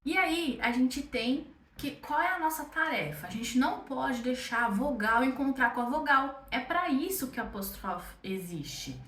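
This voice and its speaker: A young woman with a Brazilian Portuguese accent gives a casual online French lesson, chatty and encouraging, checking in often with her students. Her voice sits a little high and comes from a step back from the mic. The room around her is echoey. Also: animated, a little slow, fairly bright tone, far from the mic. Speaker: French teacher.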